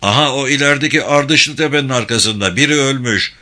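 A man's voice: medium pitch, fairly quick, pushed and bright, pitched above the performer's own voice, natural voice. A man voicing a young soldier messenger who scolds the medics urgently.

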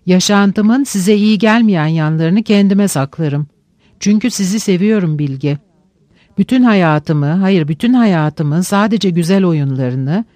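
A man with a high-pitched voice narrates a literary audiobook, measured and reflective with slow pauses. The sound is dry and close to the mic, with no room around it. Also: darkish tone, no echo.

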